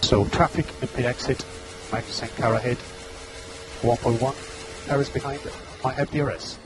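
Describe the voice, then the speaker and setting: A man's voice: medium pitch, fairly even intonation, normal speed, noisy background. A man working as race engineer, giving terse, clipped pit radio calls over a team radio link, repeating gaps and status updates. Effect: team radio transmission.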